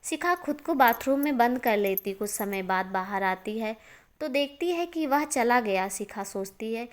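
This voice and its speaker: A woman narrating a moral story in a steady, expressive storytelling manner. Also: a little high, unhurried.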